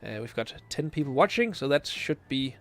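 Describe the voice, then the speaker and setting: Chatting casually on a late-night game stream, a Danish man in his late twenties works through viewer questions with a Danish accent. He talks at a normal speed in an animated, mid-range voice, but often hesitates and fills pauses while searching for the right English words.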